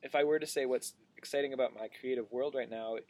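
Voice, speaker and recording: A man's voice: medium pitch, quick pace. A young man from Maine chatting playfully as a guest in an interview. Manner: playful, joking, relaxed. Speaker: guest singer-songwriter. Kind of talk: casual interview chat.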